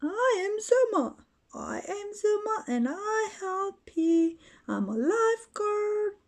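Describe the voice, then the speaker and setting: A woman's voice: extremely high pitch, very animated, takes it slowly, pitched above the performer's own voice, heavily acted. A woman voicing a cheerful young male rescue pup in an eager sing-song, in toy play.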